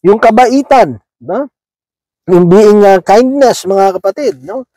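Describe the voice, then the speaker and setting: A man's voice: sits high, takes it slowly, dark tone, dry recording, rough recording. A man preaching a sermon in a conversational way, checking in with his listeners after nearly every phrase.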